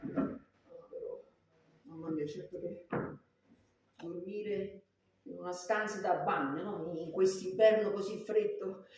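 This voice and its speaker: A man's voice: high voice, steady tone, measured pace, pauses often, darkish tone. A man with a Neapolitan accent playing a flustered, evasive philandering doctor in a dialect stage farce, stammering and repeating himself. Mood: fretful, grumbling. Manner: stammering, repeating words as he makes excuses. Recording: echoey stage, distant mic, faint noise.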